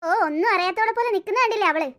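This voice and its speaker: A voice actor doing a shrill, nagging old grandmother. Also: rapid-fire, sharp tone. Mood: scolding. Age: older. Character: scheming, scolding old grandmother who hates the adopted boy. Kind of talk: cartoon story voice acting.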